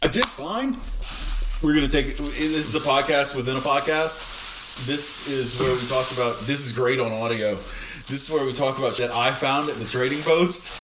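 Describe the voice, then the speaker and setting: A man's voice: medium pitch, fairly even intonation, moderate pace, reverberant, noisy background. A man co-hosting a podcast in casual chat. He reads a story aloud and breaks off into jokes and laughter. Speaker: podcast co-host. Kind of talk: casual chat and script reading.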